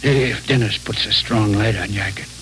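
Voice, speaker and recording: An actor playing a gravely ill husband in an old radio serial, speaking in a faint, halting, half-whispered voice. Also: male voice, on the low side, fairly even intonation, fairly bright tone, faint music behind, natural voice, rough recording. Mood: weak, weary. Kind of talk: 1940s radio acting.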